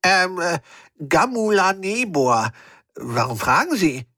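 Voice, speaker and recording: A man's voice: high voice, sing-song, slow pace, pushed and bright, no echo, studio quality, full character voice. A man voicing a nervous, evasive alien captain with a trunk, stammering and overly polite in an audio drama. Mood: hesitant.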